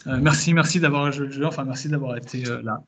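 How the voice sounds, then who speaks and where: A man's voice: mid-range voice, fairly even intonation, fast talker, a bit bright, slightly rough. A young man chatting casually on a remote call, with a joking, teasing, colloquial way of talking. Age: young adult. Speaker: newly qualified doctoral candidate thanking attendees. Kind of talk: casual chat. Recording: muffled video call audio, faint noise.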